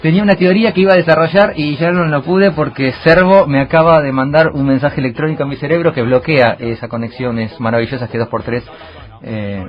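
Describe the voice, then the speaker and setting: A man's voice: fairly high pitch, steady tone, fairly quick. A man, hosting a radio show and rambling through a comic monologue full of fillers and asides.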